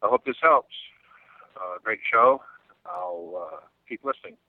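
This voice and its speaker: A man leaving a voicemail for a call-in show, talking in a conversational, slightly halting way. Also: medium pitch, very animated, vocal fry, dry recording. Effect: played voicemail message. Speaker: caller. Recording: dull lo-fi voicemail line.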